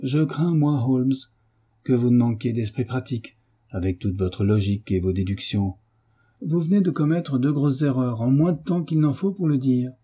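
A man's voice: medium pitch, moderate pace, dark tone, breathy edge, voice pushed up, close to an everyday voice. A man voicing an irritable, sneering police inspector in an audiobook reading, with a bitter, insistent manner.

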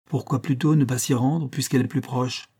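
A man's voice: medium pitch, fairly even intonation, normal speed, gravelly, warm tone, husky. A man voicing a tired ship captain who speaks firmly. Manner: firm, commanding.

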